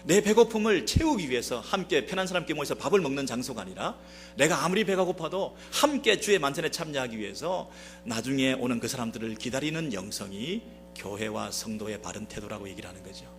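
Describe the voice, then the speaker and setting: Male pastor, mid-pitched, very animated delivery, sermon to a congregation, faint music bed. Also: a little fast. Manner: animated preaching with rhetorical questions to the congregation. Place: church sanctuary.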